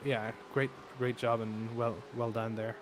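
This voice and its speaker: A man calling a sim race live, talking through his race-day hoarseness with lots of fillers and restarts. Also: medium pitch, a little slow. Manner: excitable, many fillers and restarts. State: voice wearing out. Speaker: race commentator. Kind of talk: live sim racing commentary. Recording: noisy stream with engine sounds. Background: race car engine noise.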